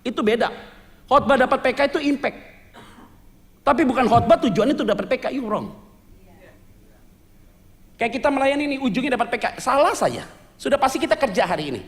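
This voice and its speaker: A male pastor preaching a sermon, telling his story in a lively, joking way and mixing in English words. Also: very high voice, brisk, pauses often, long reverb tail. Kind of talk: sermon testimony. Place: church sanctuary.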